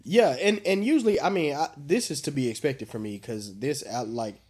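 A man co-hosting a casual podcast chat. He is congested, and he tells stories in an animated, profane way. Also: a little high, normal speed, husky. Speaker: podcast co-host.

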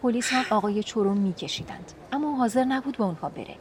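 A woman calmly narrating a story in an even reading voice. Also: a little high, slight background noise.

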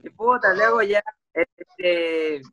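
A man's voice: high-pitched, slow, bright, forceful tone. A man rambling through an embarrassing story in casual chat, restarting his sentences. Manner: rambling, full of fillers and restarts.

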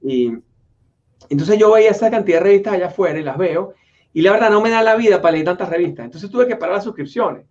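This chatty interview host has a somewhat high, slightly mellow voice, lively intonation, and a fast delivery. Rambling with many restarts and fillers, he leads a casual conversational interview from a home office in Florida, captured in dull, lo-fi audio.

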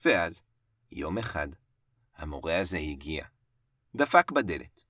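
A man narrating a first-person story in short phrases with dramatic pauses. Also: deep voice, big pitch swings, dry recording. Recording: dry voice set back from the mic, soft music bed. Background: soft piano music.

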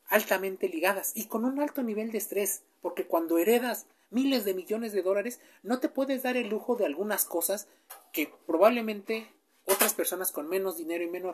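A woman presenter gives an informal, chatty explainer straight to the listener, often asking them questions and using filler sounds. Her voice is medium-pitched, darkish and breathy-edged, at a moderate pace.

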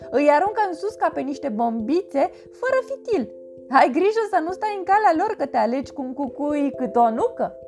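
A fast-talking know-it-all apple, as a woman puts him on, boasts through a storybook scene. The voice is fairly high and full of lively swings. Music plays behind. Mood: chatty. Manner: chatty, rapid, boastful. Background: background music.

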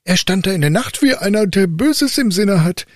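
A man's voice: sits high, animated, normal speed, no room sound, studio quality, pitched above the performer's own voice. A man reading a fairy tale aloud, voicing a simple, fearless boy who speaks earnestly and boldly in a raised voice. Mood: protesting. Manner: earnest, naive and bold. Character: fearless, simple-minded young lad.

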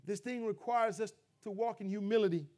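High-voiced, impassioned preaching man. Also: brisk. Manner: preaching, swings from loud emphatic peaks to low, quiet asides. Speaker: pastor. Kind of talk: sermon.

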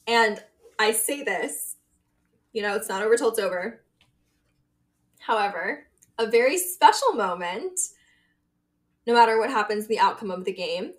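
A woman co-hosting a sports podcast in casual chat, emotional and quick to laugh. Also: medium pitch. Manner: emotional, chatty, laughs often. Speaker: podcast co-host.

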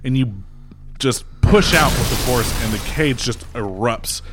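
A man's voice: medium pitch, unhurried, over music. Laid-back man running a tabletop game. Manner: loose, laughing, swears freely. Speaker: game master.

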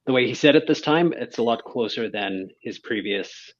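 A man's voice: medium pitch, lively intonation, moderate pace. A man on a casual podcast panel, talking hesitantly with many ums. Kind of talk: casual group chat. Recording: dull lo-fi audio.

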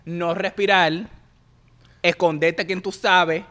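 A flamboyant young man chatting with a theatrical, laughing delivery. His voice sits a little higher than most men's. He talks casually with friends. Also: fairly even intonation, slow, sharp tone. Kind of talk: casual chat.

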